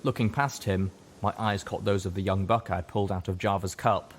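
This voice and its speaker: With a low rumble and other noticeable noise behind him, a male audiobook narrator reads a dramatic piece of fiction in a steady, brisk voice.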